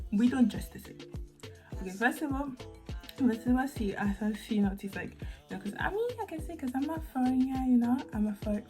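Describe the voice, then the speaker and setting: A woman's voice: medium pitch, darkish tone, low-quality recording. A young woman from Italy in a casual opinion vlog, chatty and rambling with many restarts. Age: young adult. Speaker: vlogger. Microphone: phone mic.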